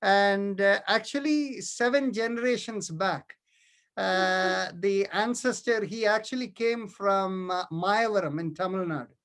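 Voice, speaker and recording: The yoga host, a man from India, speaks casually on a video call with lots of restarts and filler words. He sounds high and a bit bright with a creaky quality, keeping a measured pace.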